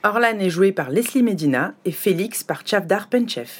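A woman reading the cast and credits of a podcast in a friendly, even way. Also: mid-range voice, moderate pace, husky. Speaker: podcast announcer. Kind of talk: scripted credits narration.

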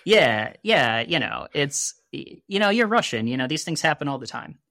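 A man's voice: fairly high pitch, very animated, normal speed, creaky, pushed and bright, no echo, clean studio sound. A man chatting casually on a podcast about a video game, rambling with lots of "you know" and "like" and throwing in sarcastic asides.

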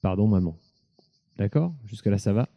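A man's voice: fairly low pitch, expressive, normal speed, warm tone. A man giving a podcast's reporter segment, explaining things to listeners in a chatty, teacherly way from indoors at home. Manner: chatty and didactic, checks in with listeners.

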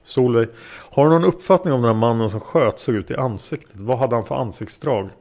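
A man's voice: medium pitch, natural voice. Patient female interrogator, read by a man. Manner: patient, gently probing. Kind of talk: read-aloud interrogation transcript.

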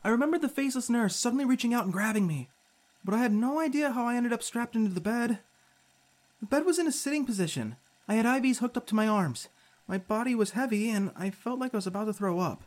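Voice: mid-range voice, expressive, fast talker, natural voice. A performer playing a spirited, sarcastic youngster who narrates an audio drama in an informal, candid way. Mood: tense recounting.

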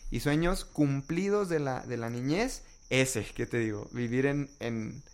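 A man's voice: medium pitch, a little slow. A young man with a Mexican accent in casual conversation, telling personal anecdotes in a candid way.

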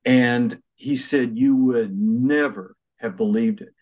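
A man's voice: mid-range voice, slow. An older man, an author and minister, telling stories in an interview and acting out the voices he quotes. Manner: animated, acts out quoted voices. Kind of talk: interview storytelling.

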